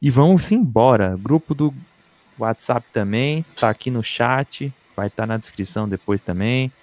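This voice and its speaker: A man's voice: medium pitch, lively intonation, unhurried, darkish tone, no room sound. Dry-sounding Brazilian man, slangy co-host. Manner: slangy, swearing freely. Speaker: podcast live stream co-host. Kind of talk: informal live-stream banter.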